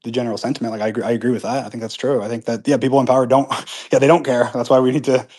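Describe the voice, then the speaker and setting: A man of ordinary pitch hosts a live audio chat from home, answering listener comments off the cuff. He talks casually and earnestly, circling back on himself with plenty of fillers and restarts. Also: flat delivery, racing, a little mellow. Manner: rambling, with many restarts and fillers; upbeat and earnest when disagreeing. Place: at home with pets nearby.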